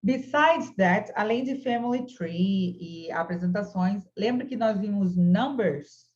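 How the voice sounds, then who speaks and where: A woman's voice: mid-range voice, takes it slowly, a little mellow, highs cut off. A woman from Brazil teaching an online English class, patiently and encouragingly modelling words for her students over a video call.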